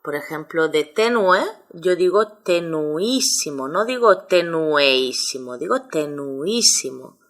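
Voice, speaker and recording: A woman's voice: lowish voice, animated, unhurried, hardly any pauses. A woman teaching a grammar lesson, explaining step by step with many examples. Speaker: Spanish teacher.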